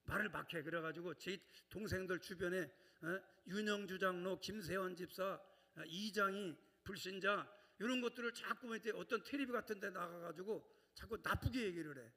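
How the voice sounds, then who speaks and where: Bright-voiced pastor in echoing church. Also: male voice, high voice, normal speed. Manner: conversational, keeps prompting the congregation. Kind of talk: sermon. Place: church sanctuary. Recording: long church reverb.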